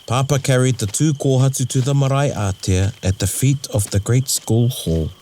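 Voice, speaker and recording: A man with a New Zealand accent narrating a scripted story in a deliberate, dramatic way. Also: medium pitch, slight background noise. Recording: narration over loud music.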